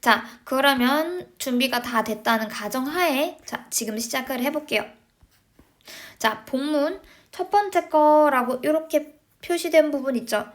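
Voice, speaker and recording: A woman with a fairly high voice teaches a recorded lesson to middle school students. She explains step by step and keeps checking in with quick tag questions to make sure they follow. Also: animated. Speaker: English teacher.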